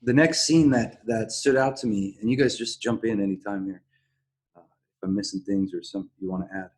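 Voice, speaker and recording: Husky low-voiced man talking casually. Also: fairly even intonation, a little fast, a little mellow. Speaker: podcast host. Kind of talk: casual discussion of a TV series.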